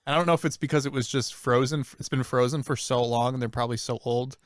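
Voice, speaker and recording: A man's voice: mid-range voice, fairly even intonation, fast talker, no echo, clean studio sound. A man co-hosting a podcast, chatting casually and rambling with hesitations as he recalls things. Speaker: podcast co-host. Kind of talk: casual chat.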